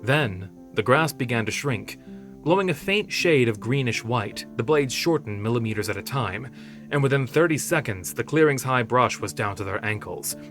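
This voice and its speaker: A man narrating a fantasy story in steady, measured storytelling. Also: mid-range voice. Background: soft background music.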